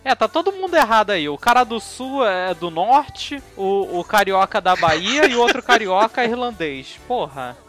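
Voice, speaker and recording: A man with a carioca accent jokes his way through podcast chat and swears freely. His voice is high and bright, with wide, lively swings in pitch. Faint music sits behind him. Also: moderate pace, few pauses. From Rio de Janeiro, Brazil. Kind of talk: casual chat.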